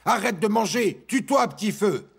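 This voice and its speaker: A man's voice: high-pitched, expressive, moderate pace, gravelly. An actor dubbing a middle-aged father who pleads insistently with his son, repeating his commands. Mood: pleading. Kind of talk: dubbed TV drama acting.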